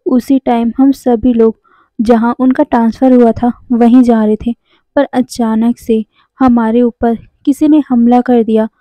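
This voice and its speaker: Playful young man, storybook reading, teasing childhood friend, woman voicing him, higher voice. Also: steady tone, a little slow, warm tone, no room sound, close to an everyday voice, low-quality recording. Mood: sad. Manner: playful, then subdued.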